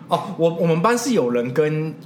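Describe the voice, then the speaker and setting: A man's voice: on the high side, big pitch swings, moderate pace, echoey room, slight background noise. A man hosting a casual podcast chat, telling rambling anecdotes and laughing at his own stories. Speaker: podcast host.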